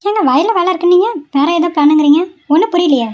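A woman voicing a young village wife in a cartoon, talking softly and evasively. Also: extremely high pitch, quick pace. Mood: reluctant. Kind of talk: cartoon voice acting. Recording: dull lo-fi audio.

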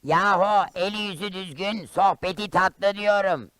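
A man voicing Hacivat, a polite, flowery gentleman in a traditional shadow puppet play, speaking in ornate courtly phrases. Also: sits high, clear, resonant tone, no room sound. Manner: ornate courtly phrases, drawn-out sing-song.

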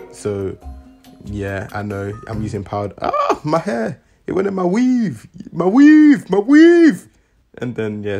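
Low-voiced man over music. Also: a little mellow. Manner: casual, repetitive, playful. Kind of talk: mock makeup tutorial voice-over. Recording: background music.

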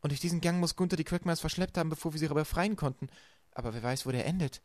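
A man reading an audiobook aloud and voicing a clever, practical teenage girl with a lifted, brisk, encouraging voice. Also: fairly high pitch, no room sound, voice pushed up, natural voice. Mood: earnest.

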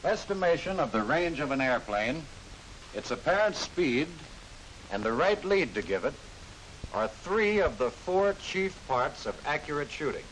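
A man's voice: fairly high pitch, big pitch swings, fairly bright tone, poor audio. Hissy vintage American male training-film narrator. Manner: formal, instructive, measured phrasing. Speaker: military gunnery instructor. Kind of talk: scripted 1940s-50s newsreel-style training film narration.

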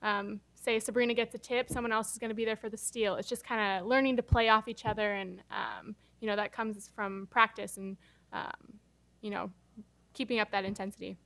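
A young adult woman who plays basketball fields postgame questions at a table microphone in a press conference room. Her medium-pitched, fairly bright voice is fairly quick, with vocal fry and fairly even intonation. She sounds casual and hesitant, full of ums and you knows.

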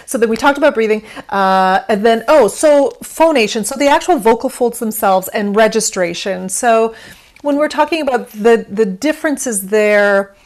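A woman guest on an interview, explaining singing technique in a conversational way, with frequent fillers and easy laughter. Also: fairly high pitch. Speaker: vocal pedagogy specialist guest.

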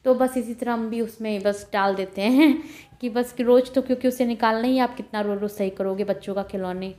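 A young woman chatting casually as she walks through her small rented flat, filming a home tour on a handheld phone. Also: fairly high pitch, fairly quick. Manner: chatty, homely, walking while filming. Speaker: home vlogger. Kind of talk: casual house tour narration. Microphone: phone camera held while walking.

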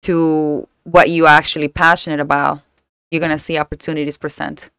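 A woman's voice: sits low, level tone, brisk, a bit bright, smooth, dry recording, studio quality. A woman co-hosting a casual book club podcast, speaking earnestly and encouragingly, often checking in with "right?". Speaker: podcast co-host.

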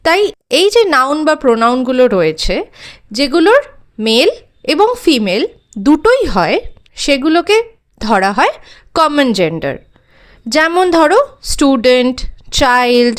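A woman teaching English grammar, asking and answering her own questions and spelling words out letter by letter. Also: high-pitched. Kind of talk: explaining grammar with examples.

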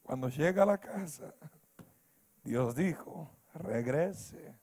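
A man preaching a sermon as pastor, telling a story and building to loud shouted climaxes. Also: high voice, lively intonation, measured pace. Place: church.

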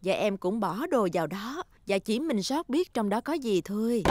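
An actress playing a kind, gentle mother pig in a children's cartoon dub, speaking reassuringly. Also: medium pitch, animated, normal speed, very noisy, close to an everyday voice.

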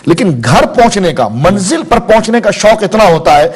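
40s guy in a tv studio, slightly high voice, talks faith with lots of examples, measured. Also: very animated, husky. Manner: measured, explains with examples and anecdotes. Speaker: religious scholar guest. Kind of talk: studio interview, spiritual teaching.

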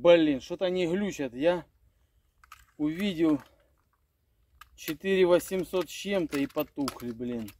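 Holding his phone at arm's length, a middle-aged man narrates a riverside fishing vlog in a chatty, stumbling way, muttering to himself now and then. He speaks at a measured pace with long pauses, in a fairly high, slightly mellow voice.

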